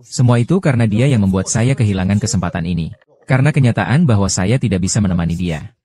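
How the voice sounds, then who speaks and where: A man narrating a dubbed drama recap, reading every character's lines in one even voice. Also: fairly low pitch, fast.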